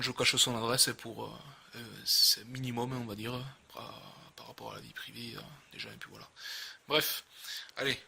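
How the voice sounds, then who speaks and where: A video host with a southern French accent gives casual unboxing commentary, speaking haltingly and repeating his words often. His mid-range voice is creaky, bright and forceful, and there's a little hiss or hum on the recording.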